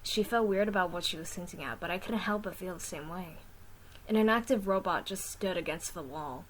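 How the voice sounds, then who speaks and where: Woman, casual first-person story reading, lowish voice, slight slips, faint background hiss. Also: a little fast, low-quality recording. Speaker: reader of her own fan story.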